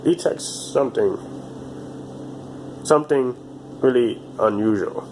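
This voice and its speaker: A man in his twenties talking alone to his channel in a halting, repetitive way, often restarting his phrases. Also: mid-range voice, darkish tone, slight background noise, poor audio. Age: 20s. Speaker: vlogger. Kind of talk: casual monologue to camera.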